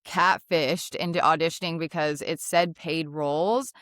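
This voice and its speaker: A woman's voice: sits low, steady tone, measured pace, a bit bright, no echo, clean studio sound. A woman host chatting casually in an interview, laughing often and leaning on fillers as she talks. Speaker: interviewer and actress.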